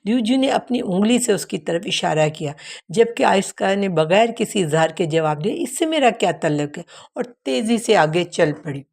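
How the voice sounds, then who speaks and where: A woman's voice: medium pitch, creaky. Woman narrating an audiobook. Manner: steady storytelling, occasional self-corrections.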